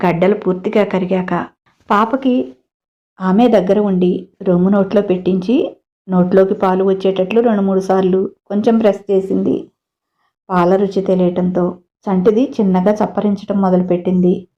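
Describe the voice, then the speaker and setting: A woman narrates a family story in a steady storytelling voice, turning now and then to chat with listeners. Her pitch sits mid-range for a woman. The home recording is lo-fi and dull. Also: normal speed. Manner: even, steady reading with chatty personal asides.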